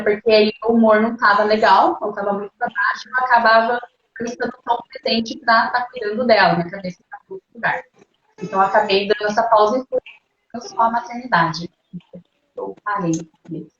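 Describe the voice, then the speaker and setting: Woman guest, higher voice, heartfelt storytelling, echoey muffled call audio. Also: brisk. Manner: earnest, animated retelling with quoted inner thoughts. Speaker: guest mother sharing her story. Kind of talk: emotional personal storytelling. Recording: roomy, dull lo-fi call audio.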